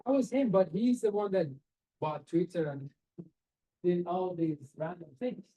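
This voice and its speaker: A man from Iran gives students earnest career advice during a seminar held over a video call, speaking directly, posing rhetorical questions, and using non-native phrasing. His voice is high, warm, and husky, with lively intonation and a slightly slow pace. The audio, from a webcam microphone, is poor.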